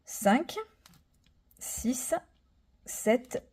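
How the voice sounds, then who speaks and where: A woman in her thirties chatting casually through a budgeting vlog, full of fillers, enthusiastic and counting money out loud. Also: fairly high pitch, drawn-out words, slightly rough. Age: 30s. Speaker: budget vlogger.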